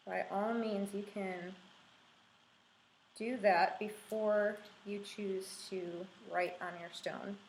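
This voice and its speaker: A woman in her thirties giving calm, unhurried, reassuring instructions as she demonstrates a craft. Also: medium pitch. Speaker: art instructor leading a craft and meditation tutorial. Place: small room indoors with a window. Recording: echoey room, faint background noise.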